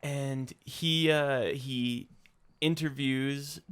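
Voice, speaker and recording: A man's voice: medium pitch, fairly even intonation, extremely slow, fairly bright tone, clear, resonant tone. A man co-hosting a casual movie podcast, rambling through a plot summary with fillers and laughing asides. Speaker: podcast co-host. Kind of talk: casual chat about movies.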